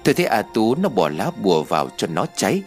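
A man tells a ghost story in a dramatic, expressive way. His voice is fairly low but swings widely in pitch, and soft music plays underneath. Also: fast talker. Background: faint music.

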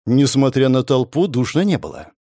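A man narrating a first-person story in an expressive, sardonic way. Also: mid-range voice, normal speed, no room sound, clean studio sound. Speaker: audiobook narrator.

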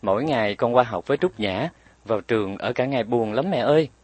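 A man's voice: expressive, a little fast, breathy edge, no echo. A man voicing a playful, stubborn little girl who bites her playmates, speaking cheekily in a raised voice. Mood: pleading. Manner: pleading, cheeky, raised pitch.

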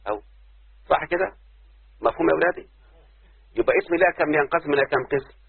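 A man's voice: a little high, racing, vocal fry, slightly rough, no room sound. A man with an Egyptian accent teaching Arabic grammar to a class and often stopping to ask whether they understood. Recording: dry, tinny phone-like audio.

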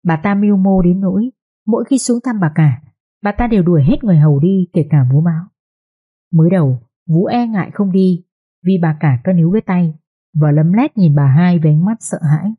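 A woman narrating an audio drama story in a steady, expressive storytelling manner. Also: on the low side, brisk, slightly rough, narrow, tinny audio.

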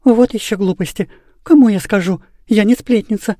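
A woman reading aloud voices a calm, sensible schoolgirl who talks seriously. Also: medium pitch, normal speed, dry recording, studio quality, voice pushed up, natural voice. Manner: serious and level.

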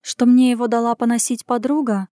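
A woman's voice: on the high side, level tone, fairly quick, dark tone, dry recording, clean studio sound, close to an everyday voice. A woman reading an audiobook, voicing its first-person heroine, a young woman with a wry, ironic way of speaking.

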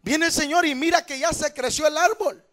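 A man preaching a fervent sermon to his congregation in a church, swinging from quiet asides to shouts. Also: extremely high pitch, fairly quick. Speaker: pastor.

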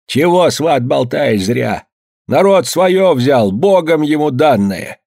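An actor playing a pious, respected old village elder who speaks reproachfully. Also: male voice, fairly high pitch, animated, slow pace, creaky, a little mellow, no room sound, clean studio sound, heavily acted. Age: older.

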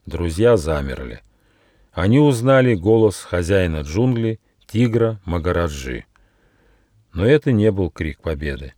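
Expressive low-voiced man telling a fairy tale. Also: unhurried, no room sound, clean studio sound. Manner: expressive, animated. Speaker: author reading his own audiobook. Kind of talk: storybook narration.

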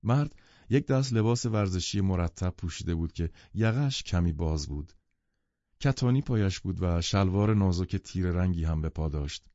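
A man reading a novel as an audiobook narrator in measured, even storytelling. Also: deep voice, no echo. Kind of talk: scripted literary narration. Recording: dull lo-fi studio recording.

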